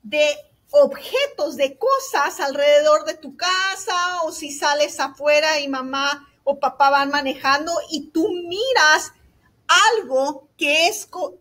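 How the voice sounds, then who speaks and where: High-pitched lady teacher, talks slow to little kids, says ok a lot, throws in english words. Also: a bit bright. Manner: slow, sweet and encouraging, asks "¿ok?" often; mixes in English words like "so" and "all right". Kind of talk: remote lesson to young children.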